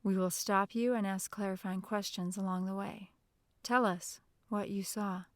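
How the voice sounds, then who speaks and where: A woman reading the lines of a calm, serious male federal agent who asks probing questions in a measured, formal way. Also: mid-range voice, dry recording, lightly acted. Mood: questioning.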